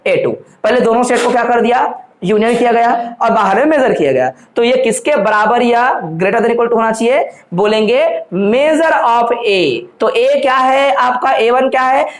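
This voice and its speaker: A man lecturing on university mathematics, constantly posing questions to his students and answering them himself, calling them children. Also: very high-pitched. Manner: addresses listeners fondly as children. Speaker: math lecturer. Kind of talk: classroom lecture in Hindi mixed with English terms.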